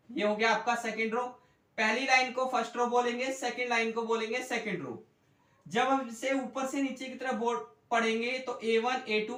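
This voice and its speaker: A man teaching a math lesson at a board, explaining slowly, repeating points and quizzing his students. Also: extremely high pitch, sharp tone. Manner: slow, repetitive, quizzes students with questions. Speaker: economics tutor. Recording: echoey room, mic far off.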